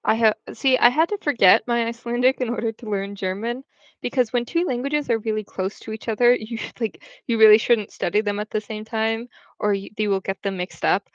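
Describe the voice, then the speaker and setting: The young woman's voice runs on the high side and fairly quick, with a steady tone, as she chats on her livestream and reads comments, mixing English and French. No room sound is present; the home audio is dull and dry.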